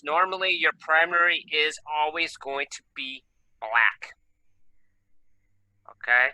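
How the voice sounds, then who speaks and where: A man's voice: on the high side, pushed and bright, no echo, rough recording. A man teaching an electronics class over a video call, talking casually and thinking aloud as he works the screen share. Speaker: electronics instructor. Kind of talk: live online class lecture.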